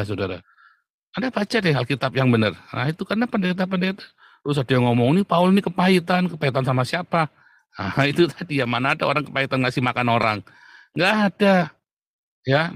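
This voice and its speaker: A man's voice: on the high side, no room sound. A man preaching to an audience in a blunt, mocking tone, often laughing at the people he criticizes. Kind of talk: combative preaching talk.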